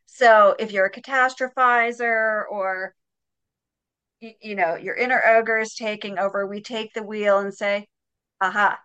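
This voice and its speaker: Upbeat woman hosting, smooth and dry. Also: medium pitch, a bit bright, dry recording. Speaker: host. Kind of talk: live online parenting session.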